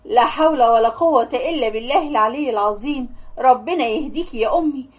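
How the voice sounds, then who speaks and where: A woman plays a young Egyptian husband in an animated story. He speaks calmly and kindly, reassuring his wife. The voice stays high and light. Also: a little fast. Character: young husband, calm and reasonable.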